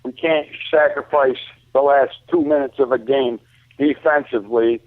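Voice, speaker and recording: Through a muffled, lo-fi, phone-like radio sound with no echo, an American man argues sports with emphasis and strong opinions. His medium-pitched voice keeps a fairly even intonation at a moderate pace, and he talks casually and colloquially, repeating himself as he goes.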